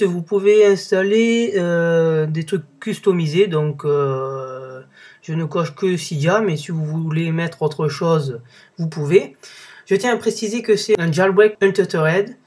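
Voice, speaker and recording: Young male tech blogger, casual how-to, slightly high voice, lots of ums and self-corrections. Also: measured pace, a little mellow. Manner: chatty, many fillers and self-corrections. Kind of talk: casual screen-recorded tutorial.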